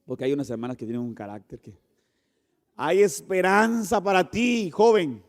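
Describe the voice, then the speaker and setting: A male pastor preaching a sermon, animated, acting out the voices of people in his stories and slowing down to stress key words. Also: sits high. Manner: animated, acts out quoted voices and slows for emphasis. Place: church hall. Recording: long reverb of a church hall.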